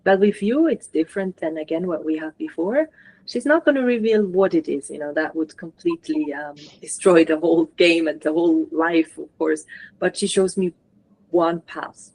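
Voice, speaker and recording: A woman with a fairly low voice leads a guided channeling session. She talks gently and in a coaching way, often filling pauses with "like", as she passes on messages to a participant. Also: breathy edge, poor audio. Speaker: spiritual channeler guiding a session.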